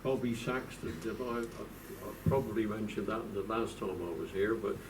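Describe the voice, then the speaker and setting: A man's voice: lowish voice, normal speed. A man in his nineties, a former football club secretary, telling anecdotes to an audience in a chatty way and acting out the people he quotes. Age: 90s. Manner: chatty, acts out quoted people in lively voices. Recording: distant mic with faint background noise.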